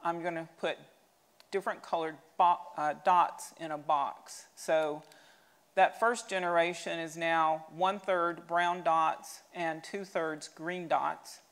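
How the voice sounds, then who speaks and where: A woman museum curator giving a steady, explanatory slide lecture, with an occasional restart. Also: on the low side, takes it slowly.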